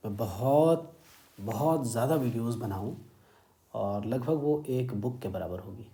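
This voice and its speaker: A man with an Indian accent teaching English grammar, explaining word meanings slowly and moving between Hindi and English. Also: medium pitch, mellow. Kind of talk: grammar lesson lecture.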